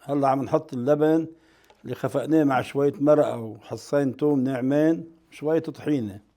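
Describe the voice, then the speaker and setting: A man's voice: mid-range voice, fairly quick, warm tone. A man with a Levantine Arabic accent working as a chef, casually demonstrating a recipe in plain, brief steps. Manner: plain, brief step-by-step remarks.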